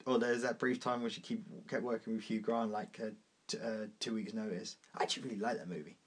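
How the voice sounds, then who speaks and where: A man's voice: fairly low pitch, steady tone, slightly rough. A man co-hosting a podcast in casual chat, bantering and teasing his friend. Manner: teasing, quick-witted banter. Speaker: podcast co-host.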